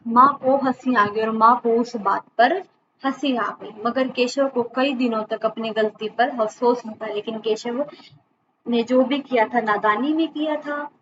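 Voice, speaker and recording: A woman's voice: fairly high pitch, a little slow. A woman teacher explaining a schoolbook story to children, reading each sentence and then saying it again in simpler words. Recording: dull lo-fi recording with steady background noise.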